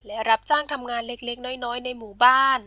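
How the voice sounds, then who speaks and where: A woman storyteller with a high, bright voice reads a bedtime tale gently and steadily. The recording is dry and close, with no room sound. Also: fairly even intonation, brisk, no room sound.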